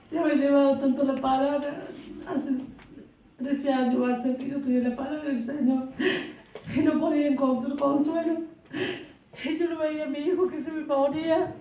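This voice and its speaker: A middle-aged woman with an Argentine accent giving a personal religious testimony, halting and repeating herself as she retells events. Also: sits high, dark tone, a little hiss or hum. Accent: Argentine Spanish. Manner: halting, repetitive retelling with restarts. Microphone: far from the microphone. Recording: dull, distant, very echoey hall.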